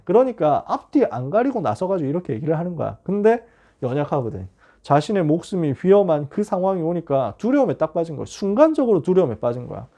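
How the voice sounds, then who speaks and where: A man's voice: fairly high pitch, dark tone. A man giving a casual sermon to teenagers, retelling Bible stories and acting out the dialogue in chatty, plain speech. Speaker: youth pastor.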